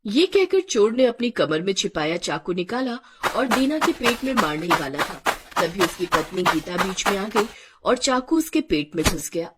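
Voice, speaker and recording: A woman narrating an animated folk story in a dramatic, expressive storytelling style. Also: medium pitch, moderate pace, heavy background noise.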